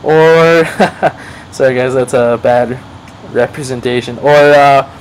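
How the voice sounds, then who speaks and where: A man's voice: medium pitch, fairly even intonation, slow, slight background noise, rough recording. Rambling, swearing gamer man. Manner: rambling, profane, self-deprecating. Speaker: gaming commentator. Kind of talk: casual gameplay commentary.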